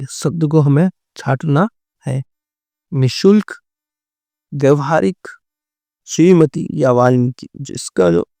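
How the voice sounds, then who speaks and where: Gravelly man teaching a Hindi exam class. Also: on the high side, mellow, no room sound. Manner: repeats words and answers, often says "theek hai" and "right". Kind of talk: exam-prep class, going through multiple-choice answers.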